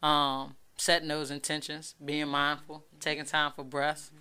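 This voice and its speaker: A woman hosting a weekly radio talk show, speaking in an emphatic, animated, casual way. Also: low voice, a little slow, clean tone. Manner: emphatic, animated, keeps asking "you know what I'm saying".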